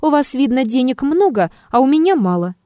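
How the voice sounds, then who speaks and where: A woman's voice: high-pitched, very animated, brisk, warm tone, dry recording, voice pushed up. A woman voicing an insolent, mocking male blackmailer in an audiobook, talking rudely and with a sneer. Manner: sneering and rude.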